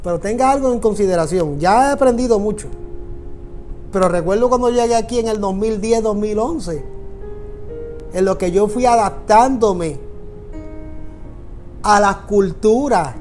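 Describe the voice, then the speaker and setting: This pastor from Puerto Rico has a high, darkish voice, speaks a little slowly and pauses often, with soft music behind him. In a Puerto Rican Spanish accent he preaches on prayer, earnest and repetitive, talking directly to the people listening.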